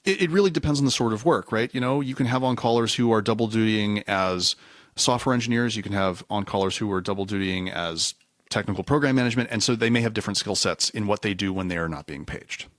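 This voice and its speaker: A man's voice: lowish voice, fast, no room sound, clean studio sound. A man speaking as a guest on a technical podcast, talking in a discursive, self-correcting way and sometimes acting out quotes. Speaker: podcast guest, reliability engineer. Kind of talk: casual conversational interview.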